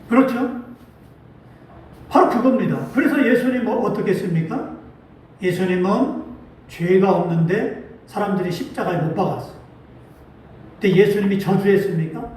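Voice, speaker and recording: A man's voice: sits high, a little mellow. A male pastor preaching a sermon. He asks the congregation rhetorical questions and acts out quoted speech with rising emphasis. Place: church sanctuary. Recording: very echoey church hall, mic at a distance.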